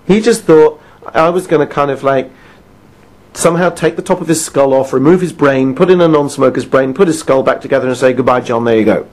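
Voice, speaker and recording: A man coaching listeners through a self-help lesson on quitting smoking. He talks in a slightly high voice, stressing his key lines slowly and checking in often with short questions to the listener. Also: a little mellow. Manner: emphatic, conversational, checks in with "Right?" and "Okay?".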